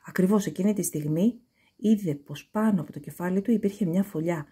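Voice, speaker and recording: A woman reading a children's story aloud in an expressive, animated way. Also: fairly low pitch, breathy edge.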